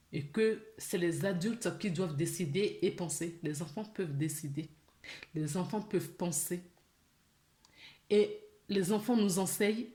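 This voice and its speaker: A woman delivers a spiritual guidance reading at an unhurried, deliberate pace, talking straight to the listener and asking many searching questions. Her mid-pitched voice carries a roomy echo. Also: darkish tone. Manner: slow, questioning, addresses listener directly. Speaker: spiritual channeler.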